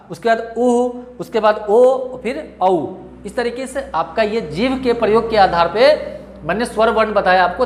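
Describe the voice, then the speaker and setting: Echoey Bihari male teacher drilling students. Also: high voice. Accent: Bihari Hindi. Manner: repetitive, asks and answers own questions; coaxing, calls students dear children. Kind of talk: classroom grammar lesson.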